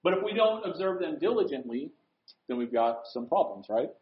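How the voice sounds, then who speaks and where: High-voiced preacher in an echoey room. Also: male voice, big pitch swings, normal speed. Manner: conversational, asks rhetorical questions, swings between loud emphasis and quiet asides. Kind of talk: sermon. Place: room with a board. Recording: roomy, dull lo-fi recording.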